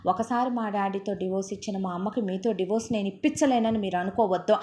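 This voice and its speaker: A woman's voice: mid-range voice, dark tone, a little hiss or hum, lightly acted. A woman voicing a teenage schoolboy who angrily lectures his stepfather, in a storytelling narration. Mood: reproachful. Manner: indignant, lecturing, rapid reproach.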